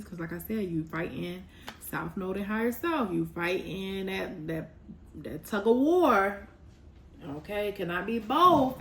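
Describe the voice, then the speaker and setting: A young woman doing a casual tarot reading, blunt and animated, teasing and scolding her viewers. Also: medium pitch. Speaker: tarot reader.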